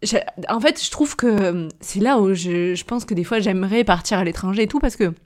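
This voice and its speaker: A woman's voice: medium pitch, moderate pace, darkish tone. A young woman from southern France talking about her travels in a personal diary-style podcast, teary and emotional, hesitant, with many fillers and restarts. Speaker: podcast host.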